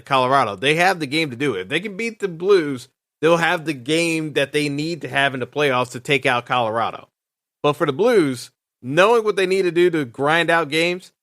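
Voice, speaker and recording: Man, podcast host, solo sports talk, bright forceful voice, slightly high, dry sound, lots of uh fillers. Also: no echo. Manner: hesitant, full of fillers and restarts; opinionated, thinking aloud.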